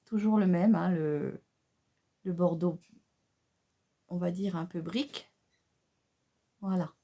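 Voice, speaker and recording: A woman's voice: lowish voice, slow. A woman doing a casual makeup tutorial, chatty and hesitant with many fillers, talking straight to her viewers. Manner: excited exclamations over the colors. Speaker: beauty vlogger.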